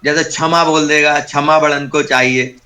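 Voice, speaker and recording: Bright-voiced man teaching pronunciation. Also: fairly high pitch, fairly even intonation, normal speed. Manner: patient, explains step by step, repeats key terms. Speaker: Sanskrit teacher. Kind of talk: online class explanation. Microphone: video call.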